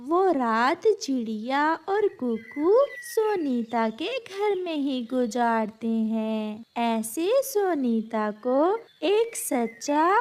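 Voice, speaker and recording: A woman narrating a children's cartoon story in a scripted storybook style. Her voice is fairly high and very slow, with faint background noise. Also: very animated, darkish tone.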